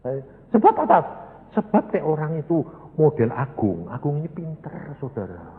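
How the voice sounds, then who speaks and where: Older Javanese-accented preacher, higher-pitched and very lively, folksy sermon style, echoey hall, tinny phone-like sound. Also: male voice, normal speed, a little hiss or hum. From Indonesia. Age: 60s. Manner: folksy storytelling, animated, swings between loud exhortation and hushed asides.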